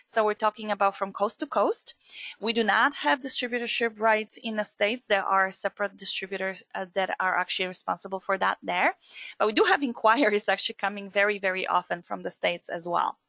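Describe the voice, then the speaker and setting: Woman from Poland, webinar presenter, chatty and filler-heavy, bright tone, dry mic. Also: mid-range voice, fairly quick, no room sound. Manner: chatty, many fillers and asides. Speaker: skincare distributor presenter.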